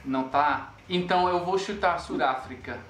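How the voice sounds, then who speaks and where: A man's voice: on the high side, normal speed. Young man chatting, roomy echo. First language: English. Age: young adult. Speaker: host of a language video. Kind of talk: casual chat. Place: video call from a home room. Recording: roomy echo, faint background noise.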